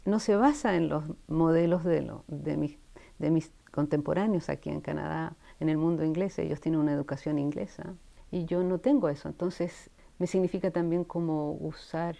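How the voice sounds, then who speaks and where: A woman's voice: sits low, vocal fry, dark tone. A woman in her sixties from Chile, a guest writer talking thoughtfully in an in-person interview at a university, often restarting her sentences. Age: 60s. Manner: thoughtful, with frequent restarts and trailing asides. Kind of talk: casual interview conversation.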